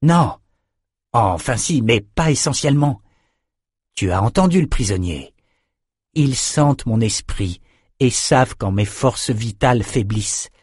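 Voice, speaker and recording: A man voicing a grim, wounded male lord leading a battle, speaking in steady, reasoned commands in an audiobook. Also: mid-range voice, unhurried, pauses often, husky, no room sound, clean studio sound. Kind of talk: audiobook character reading.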